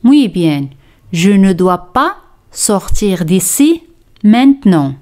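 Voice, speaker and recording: Slow, deliberate woman teaching French. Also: mid-range voice, very animated, a little mellow. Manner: slow, deliberate, repeats phrases for drilling. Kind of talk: slow scripted language lesson.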